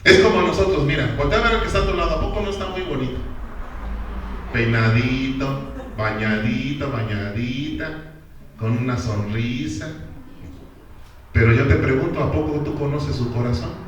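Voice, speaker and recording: A man's voice: mid-range voice, normal speed, a little hiss or hum. A man preaching a sermon as a pastor, emphatic and often putting questions straight to the congregation. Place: church hall. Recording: very echoey church hall from far off.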